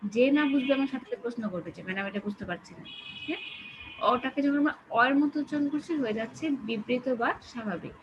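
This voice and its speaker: A woman's voice: fairly high pitch, fast. A woman teacher with a Bangladeshi Bengali accent giving an online class, explaining step by step and keeping her students answering questions. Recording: dull lo-fi call audio with background noise.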